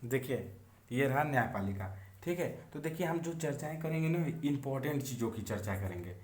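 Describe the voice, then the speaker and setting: A man's voice: medium pitch, lively intonation, a little fast, a little mellow. A man teaching an exam-prep civics lesson who repeats key terms and keeps asking rhetorical questions. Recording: echoey room, faint background hum.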